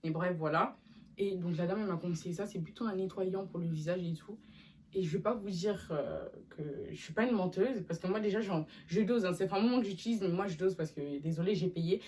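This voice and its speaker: Young female vlogger, lively and chatty, slightly low voice, sits back from the mic. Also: brisk, recorded from a distance, slight background noise. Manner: chatty and animated, with slangy asides. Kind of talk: casual haul video chat.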